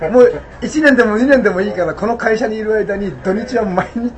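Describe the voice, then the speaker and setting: An older man telling anecdotes in casual talk, animated and often laughing. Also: high-pitched, fast talker, poor audio. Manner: animated, laughing storyteller, mimics quoted voices. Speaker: guest storyteller.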